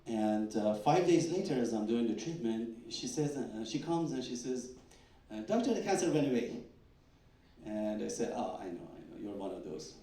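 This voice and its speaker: A man's voice: lowish voice, normal speed. A man, a doctor, giving a talk at a fundraising event, telling patient stories and acting out quotes with stammers. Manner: animated storyteller, acts out quotes with stammers. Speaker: doctor presenting research. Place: event hall. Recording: echoey hall, distant mic.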